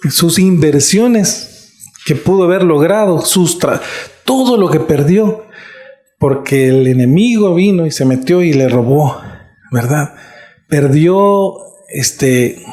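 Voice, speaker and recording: The preacher here is a middle-aged man whose voice is a little high and a little mellow. Speaking earnestly and conversationally in an echoey church room, he often checks in with his listeners during the sermon.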